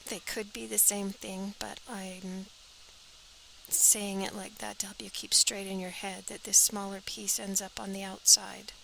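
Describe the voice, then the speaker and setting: A woman's voice: medium pitch, little pitch movement, measured pace, gravelly, bright, forceful tone, slight background noise, rough recording. A woman teaching a step-by-step sewing pattern drafting tutorial, practical and talking as she works, often dropping to an airy half-whisper.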